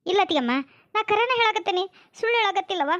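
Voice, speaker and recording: A woman acting out a desperate village mother who begs for shelter in a North Karnataka Kannada accent. Her voice is high and quick, and the recording sounds dry and dull. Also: expressive, a bit bright, no room sound. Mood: pleading. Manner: pleading, imploring. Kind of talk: comic village family drama.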